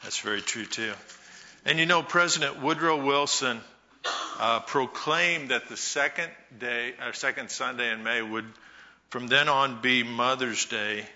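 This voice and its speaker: A man giving a Mother's Day talk to a church congregation, telling folksy stories with pauses. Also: medium pitch, bright, forceful tone, muffled recording. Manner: slow, folksy storytelling with pauses. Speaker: church speaker.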